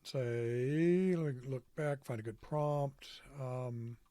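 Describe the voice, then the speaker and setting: A man hosting a casual tutorial, walking through software on screen while thinking aloud in a self-deprecating, offhand way. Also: medium pitch, fairly even intonation, unhurried, no echo. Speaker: podcast host demonstrating software. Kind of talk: screen-recorded tutorial walkthrough.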